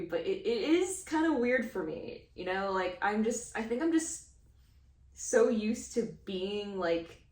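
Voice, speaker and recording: A woman's voice: lowish voice, far from the mic. Chatty thirty-year-old woman, roomy sound. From Houston, Texas. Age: 30s. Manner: rambling, filler-heavy, laughs often. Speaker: crochet vlogger. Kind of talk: casual chat.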